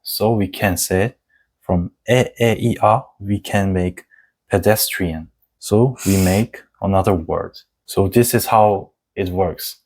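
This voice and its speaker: Slow-speaking Korean man teaching. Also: low voice, darkish tone. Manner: slow, deliberate explaining with spelled-out letter sounds. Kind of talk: casual online lesson.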